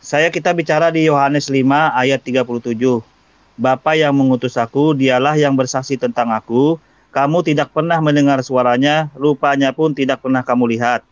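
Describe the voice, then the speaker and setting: A man posing a challenging question in an online debate, with halting restarts. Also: mid-range voice, steady tone, dry recording, highs cut off. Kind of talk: online debate on Bible verses.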